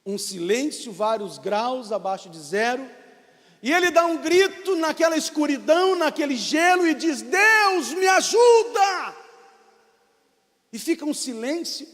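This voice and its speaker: A Brazilian man preaching an impassioned sermon as pastor, rising to shouts, in a reverberant church. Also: very high-pitched, animated, normal speed. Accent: Brazilian Portuguese.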